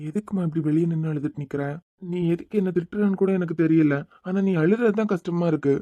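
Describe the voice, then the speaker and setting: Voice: medium pitch, dark tone, dry recording, dull audio, close to an everyday voice. A voice actor playing a bewildered young husband in a cartoon, pleading with his crying wife. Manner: confused, pleading, quick-talking.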